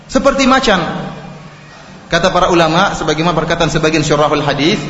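A man preaching an Islamic lecture in an animated way, joking and acting out the people in his examples. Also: fairly high pitch, quick pace. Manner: animated, jokes and laughs, acts out quotes. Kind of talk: religious lecture. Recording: echoey hall, dull lo-fi, faint noise.

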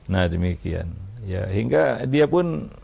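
Unhurried preacher with a gravelly voice. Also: male voice, lowish voice. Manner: calm, unhurried, frequent "ya" tags. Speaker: Islamic preacher answering questions. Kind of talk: religious advice talk on parenting.

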